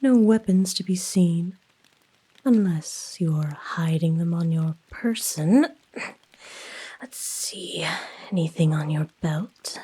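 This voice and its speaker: A woman voicing a female naga huntress, coaxing and softly threatening, in a breathy ASMR role-play. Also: on the low side, slow. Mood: teasing, searching. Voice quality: breathy soft voice. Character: female naga huntress, predatory, coaxing, menacing serpent creature.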